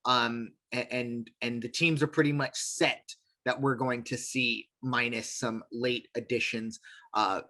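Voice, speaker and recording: A man's voice: medium pitch, steady tone, a little slow, bright, forceful tone. A man co-hosting a casual sports podcast, rambling with lots of fillers and restarts. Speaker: podcast co-host.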